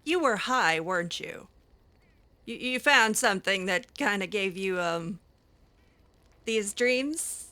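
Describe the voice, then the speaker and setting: A woman roleplaying over a video game speaks slowly in an expressive, mid-range voice with a sharp tone, pausing often. Her casual in-character chat is hesitant and wry, punctuated by lots of ums.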